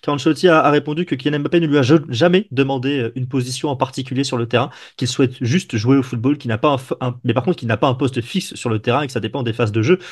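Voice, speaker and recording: A man working as a correspondent, reporting football news in a brisk, matter-of-fact way. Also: mid-range voice, slightly rough. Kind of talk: casual chat, sports reporting.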